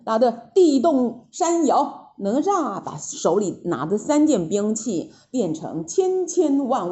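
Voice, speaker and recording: A woman narrating a classic children's story in an expressive, animated way. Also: fairly high pitch.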